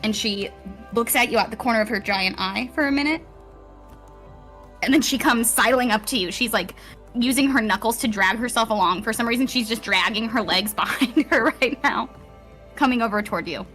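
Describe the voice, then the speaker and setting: Telling a fantasy tale at a live tabletop roleplaying game, this female game master uses theatrical storyteller phrasing and speaks to her players along the way. Her voice is bright and forceful, fairly high and fairly quick, with quiet music in the background.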